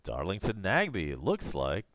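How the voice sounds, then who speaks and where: A man doing live play-by-play of a soccer match, going a little hoarse. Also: low-pitched, huge pitch swings, a little slow, a bit bright, no echo. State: losing his voice. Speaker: live reaction host. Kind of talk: live game commentary.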